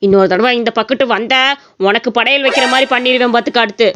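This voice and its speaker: A woman's voice: a little high, fast, a bit bright, lightly acted. A woman doing a grumpy old village man. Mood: angry. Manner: scolding, threatening. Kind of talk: cartoon voice acting. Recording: dull audio with clear noise.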